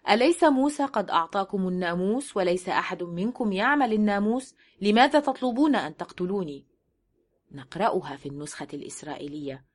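A woman giving a scripted reading of a written text in a formal, measured way. She stresses the quoted verses and reads the English passages slowly and deliberately. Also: mid-range voice.

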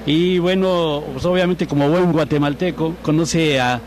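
A man hosts a live radio interview in a friendly, chatty way. His voice sits a little high. Traffic hums steadily behind him on a noisy street. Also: a little slow. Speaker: radio host. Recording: noisy outdoor traffic background.

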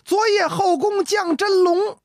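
A woman's voice: extremely high pitch, fairly even intonation, vocal fry, no echo, clean studio sound, pitched above the performer's own voice, full character voice. A woman doing a flustered witty scholar. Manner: flustered, fawning, quick to improvise. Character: quick-witted flattering court scholar, man.

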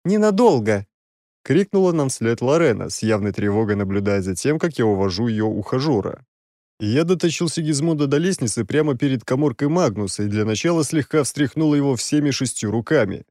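A male audiobook narrator reading in a wry, storytelling manner at a middle pitch. The recording is dry and close, with no room around the voice. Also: animated, a little fast, dark tone, no echo. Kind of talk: scripted first-person narration.

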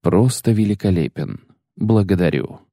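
A man's voice: deep voice, expressive, moderate pace, warm tone, dry recording, clean studio sound. A man reading an audiobook, voicing a guarded, weary witcher who answers curtly with few words. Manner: curt, reluctant, few words. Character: terse weary male witcher, guarded and quiet. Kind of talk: audiobook character voice.

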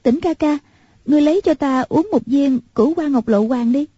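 A woman's voice: high voice, a little fast, warm tone, no echo, voice pushed up, close to an everyday voice. A woman voicing a clever, willful young heroine who speaks in a pleading yet commanding way. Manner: pleading and imperious. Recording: muffled lo-fi recording.

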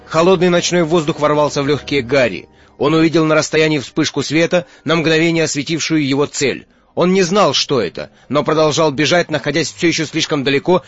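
Man narrating an audiobook, slightly high voice. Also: fairly bright tone, no room sound. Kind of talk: scripted narration. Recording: muffled audio with faint music.

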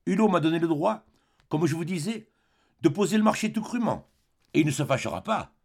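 A man's voice: fairly high pitch, big pitch swings, brisk, a little mellow, breathy edge, pitched above the performer's own voice, exaggerated voice. A man doing a smug, pompous schemer. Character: scheming pompous former perfumer, vengeful suitor.

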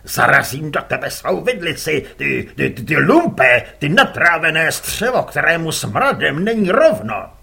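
Male reader as a hot-headed cursing fisherman, bright and raspy, storybook shouting. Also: on the high side, sing-song, hardly any pauses, heavily acted. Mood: furious cursing. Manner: bellowing insults across the water. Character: foul-mouthed rival fisherman, hot-tempered and cursing.

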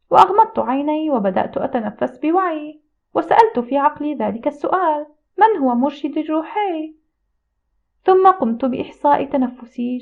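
Woman narrator, scripted audiobook reading, steady reflective delivery, high pitch. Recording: tinny phone-like audio.

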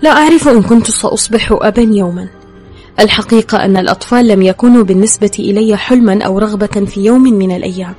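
A woman's voice: medium pitch, quick pace, darkish tone, faint music behind. A woman reading a novel aloud in an intimate first-person style. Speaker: audiobook narrator. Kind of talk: scripted narration.

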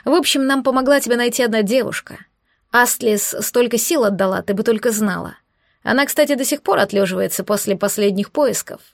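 A woman voicing a gentle, persuasive female demon in an audiobook, speaking softly and reassuringly. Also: a little high, a little fast, gravelly, no echo, studio quality. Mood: coaxing. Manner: soft, coaxing, reassuring.

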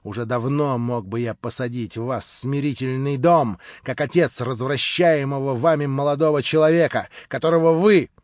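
Man as a smooth, two-faced nobleman. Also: medium pitch, expressive, moderate pace, darkish tone, no room sound, lo-fi sound, close to an everyday voice. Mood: spiteful mocking. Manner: unctuous, persuasive, turning mocking. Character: smooth hypocritical middle-aged nobleman, spiteful beneath.

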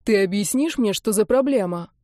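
A woman reading the part of a tough young man who snaps and shouts angry demands. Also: mid-range voice, lively intonation, normal speed, no room sound, clean studio sound, natural voice. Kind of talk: audiobook character reading.

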